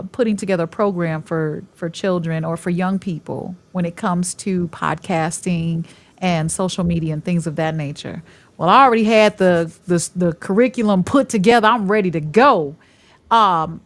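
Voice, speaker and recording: Effusive woman host, somewhat low voice, rambling conversational interviewer. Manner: effusive, chatty, rambling questions. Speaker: talk show host. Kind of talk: casual interview chat.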